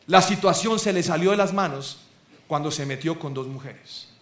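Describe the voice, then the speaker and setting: High-voiced pastor in echoey hall. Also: male voice, normal speed. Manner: humorous, animated preaching with audience questions. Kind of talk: sermon.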